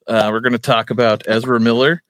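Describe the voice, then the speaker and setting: A man's voice: medium pitch, little pitch movement, a little fast, a bit bright, no room sound. A man hosting a casual podcast, laying out the rundown in a loose, swearing manner. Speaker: podcast host.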